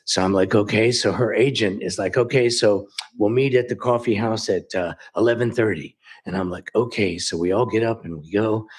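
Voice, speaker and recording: Man, husky, lowish voice, chatty storyteller, acts out quotes, town meeting talk. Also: moderate pace, hardly any pauses. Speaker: local music store owner presenting. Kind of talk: storytelling presentation at a council meeting.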